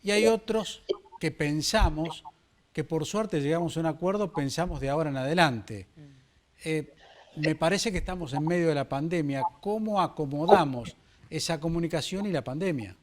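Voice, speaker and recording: A man's voice: on the high side, normal speed. A man, a panelist who speaks conversationally and poses a question to the guest. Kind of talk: broadcast panel discussion.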